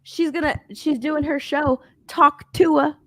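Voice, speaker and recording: A woman from Texas co-hosts a casual stream chat, rambling, giggling often, trailing off mid-sentence and restarting. Her voice sits high with fairly even intonation, and she takes it slowly with no room sound.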